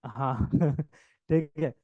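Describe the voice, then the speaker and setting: A man teaching a coaching class, dictating notes and repeating phrases, talking fast and joking with students now and then. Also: mid-range voice, dry recording, narrow, tinny audio. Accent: north Indian Hindi. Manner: jokes with students, laughs often.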